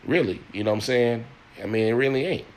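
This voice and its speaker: A man's voice: medium pitch, fast talker. An older man in a personal monologue, earnest and plain-spoken, often repeating words and restarting as he speaks to listeners.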